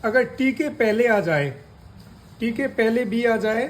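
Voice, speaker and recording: A man teaches in a high voice at a slow, deliberate pace. He repeats each key word and asks questions he answers himself, with faint ambience behind him. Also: slight background noise, poor audio. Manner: deliberate, drawn-out spelling of letters. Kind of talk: slow spoken lesson.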